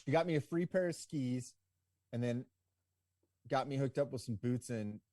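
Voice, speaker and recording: Relaxed, mellow-voiced man telling stories. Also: medium pitch, moderate pace, dry recording, clean studio sound. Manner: relaxed, rambling delivery full of "like" and "you know". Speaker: podcast guest, ski business owner. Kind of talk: casual interview storytelling.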